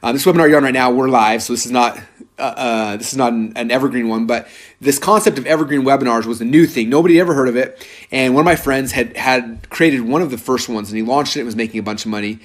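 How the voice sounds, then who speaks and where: A man in his thirties presenting a live sales webinar, telling a story in an energetic, rambling way with lots of filler words. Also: medium pitch, fast talker.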